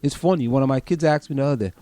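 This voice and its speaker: A professor from Trinidad and Tobago co-hosts an online radio show in casual chat, thinking aloud emphatically and repeating words. His mid-range voice is dark in tone and he talks at a racing speed. The recording is dry.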